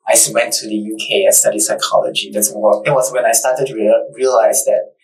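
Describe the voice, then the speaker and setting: A man's voice: lowish voice, steady tone, brisk. Earnest man recorded from a distance. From Malaysia. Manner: earnest, reflective storytelling with restarts. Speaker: guest. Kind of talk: casual interview conversation. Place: bright studio set.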